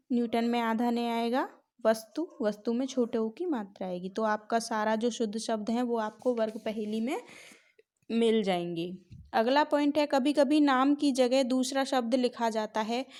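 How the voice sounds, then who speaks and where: A woman's voice: high voice, a little mellow. A woman teacher patiently explaining a workbook lesson to her pupils, calling them "beta". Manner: patient, slow and explanatory, calls students "beta".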